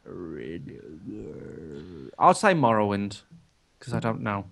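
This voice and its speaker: A man co-hosting a casual gaming podcast, animated and quick to laugh. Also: lowish voice, gravelly. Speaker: podcast co-host.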